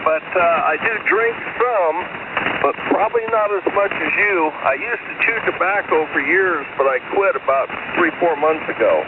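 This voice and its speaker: A man's voice: fairly high pitch, moderate pace, phone-quality sound. A man's voice crackles in over a two-way CB radio, distant and thin, under heavy static. He speaks plainly and politely and signs off the way radio operators do. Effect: heard over a two-way CB radio. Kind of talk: radio procedure talk.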